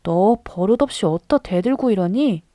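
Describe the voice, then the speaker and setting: A woman's voice: mid-range voice, lively intonation, normal speed, warm tone, dry recording, clean studio sound, lightly acted. A woman reading the part of a strict older male Buddhist abbot who lectures a young novice. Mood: stern. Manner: strict, admonishing.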